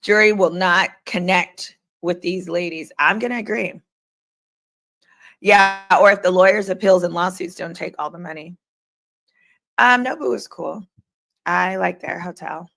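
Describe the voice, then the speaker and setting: A woman hosts a casual livestream, offering informal, opinionated commentary and conversationally reading comments and updates aloud. Her voice is on the low side and a bit bright, with vocal fry, a measured pace and frequent pauses.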